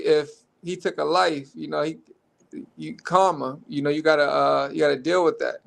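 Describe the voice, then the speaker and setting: A young man with a Baltimore accent talks casually, circling back and restarting his thoughts as he tells a story. His voice sits a little high and carries a gravelly rasp. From Baltimore, Maryland. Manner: relaxed, rambling with restarts. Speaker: guest.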